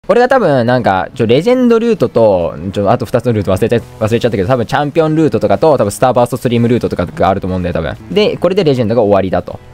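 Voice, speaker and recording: A man's voice: medium pitch, sing-song, racing, hardly any pauses, a little mellow. A man giving joking, chatty commentary while playing a video game, often correcting himself. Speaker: let's play gamer. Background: faint game music.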